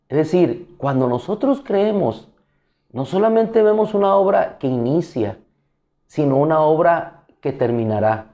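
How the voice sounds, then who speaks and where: A man preaching a devotional sermon, slow and deliberate, repeating key phrases for emphasis. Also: a little high, warm tone, lo-fi sound. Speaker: pastor.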